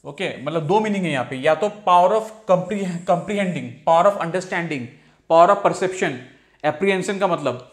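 Indian male vocab tutor, higher voice, Hindi-English mix, drawls definitions, constant "okay" check-ins. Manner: keeps saying "theek hai" and "okay". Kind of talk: explaining vocabulary from slides.

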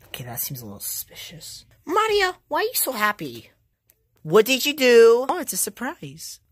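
A woman's voice: medium pitch, fairly bright tone, no room sound. A woman voicing a grumpy, suspicious younger brother plumber who questions bossily in a homemade plush toy skit.

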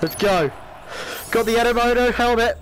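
A man commentating his VR game play, excitable and swearing, shouting at the game. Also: very high voice, moderate pace. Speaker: gamer.

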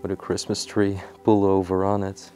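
Low, flat-voiced young man exploring. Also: normal speed, soft background music. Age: young adult. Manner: hushed, curious commentary while touching old objects. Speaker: urban explorer. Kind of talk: exploration vlog narration. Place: indoors in an abandoned house.

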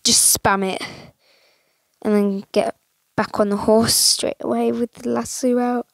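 This casual gameplay commentary comes from a young female gaming channel host whose chatty rambling leans on ums and likes. Her high-ish, fairly even voice sounds slightly croaky and gravelly and unhurried, in a dry, close recording with no sense of room.

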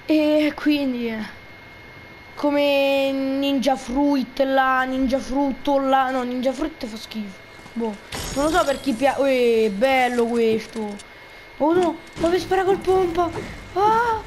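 High-voiced woman rambling over gameplay. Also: a little mellow, slight background noise. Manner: rambling and jokey, trash-talks opponents in bursts. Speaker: gaming video creator. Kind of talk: casual gameplay commentary.

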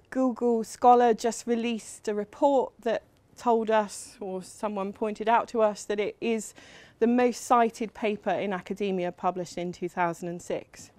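A woman's voice: medium pitch, darkish tone, no room sound. A middle-aged woman from England giving a university lecture in a chatty, self-deprecating way with frequent ums. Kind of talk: academic lecture.

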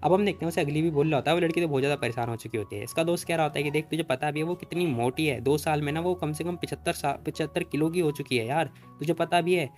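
A man's voice: fairly high pitch, quick pace, hardly any pauses, faint music behind. A man narrating a comic story recap in a chatty, filler-heavy way.

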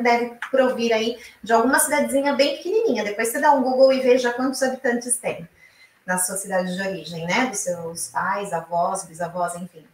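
A woman from Brazil teaching an online Italian lesson, explaining slowly and repeating each example aloud. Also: fairly high pitch, roomy sound, far from the mic, slight background noise, rough recording.

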